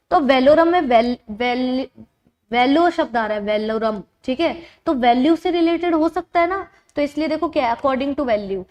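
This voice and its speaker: A woman's voice: high voice, a little mellow. A woman teaches an exam-prep lecture. She goes step by step and keeps checking in with her students. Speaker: tutor.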